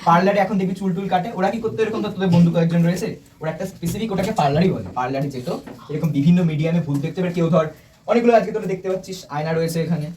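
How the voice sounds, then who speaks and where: Racing along in a high-pitched, slightly mellow voice, a student presenter explains something to a small group of friends in an indoor room, keeping it chatty with jokes and questions. A distant mic captures him along with light room noise.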